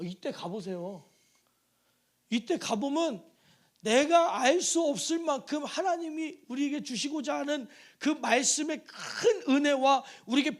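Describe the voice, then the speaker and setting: A male pastor preaching in a church with a strikingly high voice. His pitch swings widely as he tells stories, acts out quoted voices and puts questions to his listeners. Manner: animated preaching, acts out voices, calls to congregation. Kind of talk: sermon. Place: church sanctuary.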